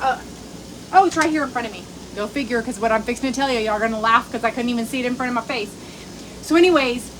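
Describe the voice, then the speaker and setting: A woman's voice: high voice, pushed and bright, a little hiss or hum, poor audio. A middle-aged woman, telling a rambling story in a casual cooking vlog, full of fillers and restarts. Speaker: cooking vlogger.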